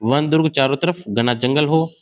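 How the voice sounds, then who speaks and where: A man's voice: a little high, normal speed, muffled recording. A man giving an exam-prep lecture, asking questions and answering them himself while he sketches on a board. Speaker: teacher.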